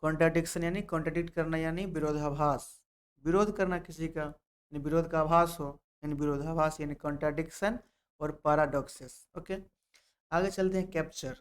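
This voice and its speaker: A man's voice: on the high side, fairly even intonation, moderate pace, smooth. A man teaches English word meanings, repeating each word and spelling it out letter by letter. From Bihar, India. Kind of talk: vocabulary lesson.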